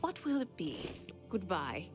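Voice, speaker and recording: Lively, low-voiced alchemy shopkeeper. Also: female voice, a little slow, soft background music. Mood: welcoming. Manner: salesy, welcoming patter. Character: female alchemy shopkeeper greeting customers. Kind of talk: video game character acting.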